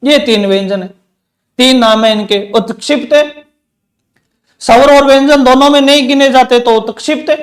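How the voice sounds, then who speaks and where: High-voiced man teaching a grammar lesson. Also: steady tone. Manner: repeats key terms and asks questions back to the class; says terms slowly, one by one. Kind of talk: exam-prep grammar lesson.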